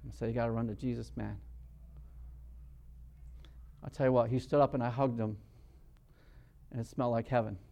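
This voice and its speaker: A man preaching a sermon as pastor, acting out quotes and swinging between quiet storytelling and loud bursts, often repeating words as he restarts. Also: medium pitch, fairly even intonation, moderate pace, creaky, long pauses.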